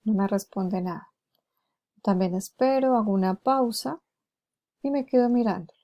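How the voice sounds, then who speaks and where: A woman lecturing on therapy strategies, explaining each one and slowing down to model words clearly. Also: medium pitch, dark tone, slight background noise. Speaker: lecturer on hearing-impaired therapy. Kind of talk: recorded lecture with acted examples.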